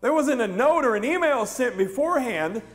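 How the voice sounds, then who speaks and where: This middle-aged American pastor preaches from a large indoor church stage at a moderate pace, his voice extremely high in pitch. His sermon is conversational, with an animated retelling of the story and questions directed at the congregation.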